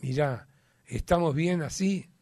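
A man's voice: on the high side, unhurried, darkish tone, no room sound. A man with a Uruguayan Spanish accent, chatting as a guest in an emphatic, rambling way with many fillers. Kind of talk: casual chat.

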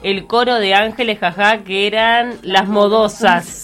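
A woman's voice: medium pitch, steady tone, measured pace, a bit bright. A woman with a Montevideo Uruguayan accent co-hosting a radio show in casual studio chat.

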